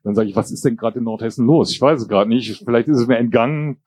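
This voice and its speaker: He talks very fast in a mid-range, slightly mellow voice, with no echo. The interview guest, a writer and political columnist in his fifties, was born in Jordan and raised bilingual in England and Germany, and his casual conversation is reflective and hesitant.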